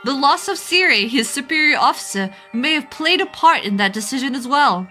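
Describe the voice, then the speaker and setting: High, bright, excitable woman streamer. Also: fairly quick. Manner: excitable, theatrical. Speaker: game streamer. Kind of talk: let's play commentary, reading dialogue aloud. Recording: game music behind. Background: video game music.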